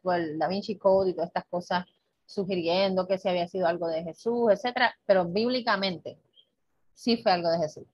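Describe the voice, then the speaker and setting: A woman hosting a casual talk on Bible topics, lively and conversational, often checking in with the listener and acting out dialogue. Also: lowish voice, a little fast, slightly rough. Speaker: host. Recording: dull, muffled dry sound.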